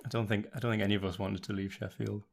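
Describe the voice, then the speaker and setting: Fast-talking young man hosting with banter. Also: lowish voice, flat delivery, vocal fry. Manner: playful teasing, quick banter. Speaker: podcast host. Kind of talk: casual podcast chat.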